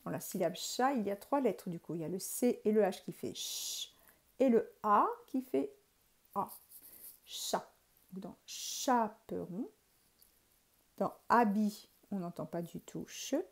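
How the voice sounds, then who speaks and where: Her voice mid-range and expressive, a woman who teaches primary school in France gives a recorded lesson at a moderate pace. She patiently sounds out letters and syllables, one by one, for her young students.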